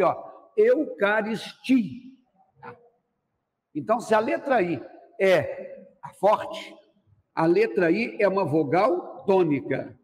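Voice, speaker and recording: A man's voice: sits high, in a large hall. A man teaching a grammar lesson for exam prep, explaining step by step and speaking straight to the student. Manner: explanatory, addresses student directly. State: worried about going hoarse. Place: classroom studio with noise from the next room.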